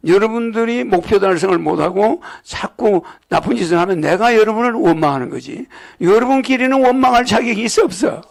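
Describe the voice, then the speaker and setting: Gravelly high-pitched older man lecturing. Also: brisk, few pauses. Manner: repetitive, asks the audience "right or not?"; chuckles while lecturing. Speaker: religious leader lecturing followers. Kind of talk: rambling sermon-lecture to an audience.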